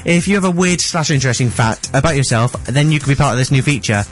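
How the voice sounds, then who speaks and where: A man's voice: mid-range voice, lively intonation, quick pace, faint music behind. A young man presenting a radio show in a casual, chatty style as co-host.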